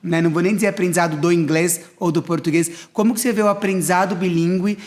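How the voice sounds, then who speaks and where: A man's voice: sits high, fairly even intonation, fast. A middle-aged man hosting a school talk show, explaining ideas step by step in a conversational way. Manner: explanatory, builds points in steps. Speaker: academic director hosting a school podcast. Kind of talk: conversational interview.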